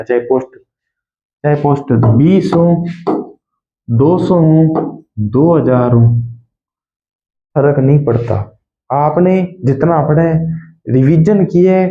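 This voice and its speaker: A man's voice: on the high side, warm tone. A man coaching exam candidates, blunt and repetitive, drilling lists of what to study and what to skip. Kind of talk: advice talk to exam candidates. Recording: echoey, tinny phone-like sound.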